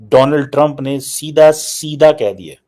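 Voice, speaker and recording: Unhurried and warm, with a slightly high voice, a man with a Pakistani accent gives informal political commentary. He mixes English phrases into his news analysis and stays emphatic, repeating phrases for effect.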